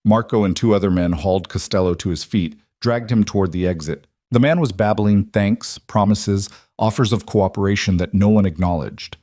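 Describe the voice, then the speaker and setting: A man giving scripted, measured narration of a dramatic story. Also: on the low side, dark tone, dry recording, studio quality.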